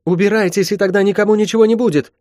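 A man voicing a fierce teenage girl, an older sister and witch, in urgent commanding shouts. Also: medium pitch, wildly swooping pitch, normal speed, vocal fry, breathy edge, no echo, studio quality, exaggerated voice. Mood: defiant.

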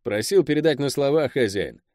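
A man's voice: mid-range voice, expressive, brisk, a little mellow, no room sound, studio quality, voice pushed up, close to an everyday voice. A man voicing an eager, deferential male henchman who keeps calling his boss master, in a raised voice. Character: Pel, wary fawning male henchman.

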